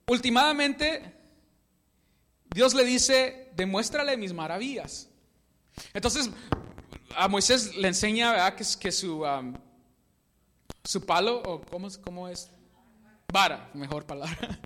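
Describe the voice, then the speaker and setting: High-voiced man preaching in a reverberant hall. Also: a bit bright. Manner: conversational storytelling preaching, searching aloud for words. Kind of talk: sermon.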